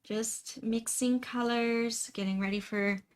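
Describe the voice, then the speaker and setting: A woman's voice: a little high, fairly even intonation, slow. A woman hosting a painting livestream, chatting casually and informally as she works. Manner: greets viewers by name, informal. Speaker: live stream host, painter.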